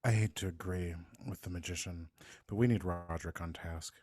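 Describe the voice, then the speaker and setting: Stern cold Emperor voiced by a man, curt, very low, dry. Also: steady tone, brisk, a little mellow, dry recording, natural voice. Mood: disapproving. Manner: curt and dismissive.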